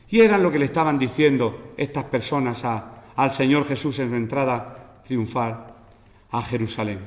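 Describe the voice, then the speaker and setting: Spanish male preacher, animated teaching delivery, slightly high voice, long church reverb. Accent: Spanish from Spain. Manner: animated, teaching, acts out pleas with raised voice. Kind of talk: sermon. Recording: echoey church hall.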